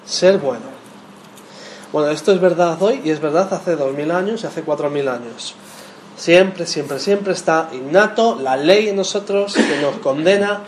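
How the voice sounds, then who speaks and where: A man preaching a sermon, lively and questioning, talking straight to the people in front of him. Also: on the high side, normal speed, slight background noise. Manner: lively, talks with the audience, asks questions. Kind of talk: sermon teaching. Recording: echoey room with faint ambience.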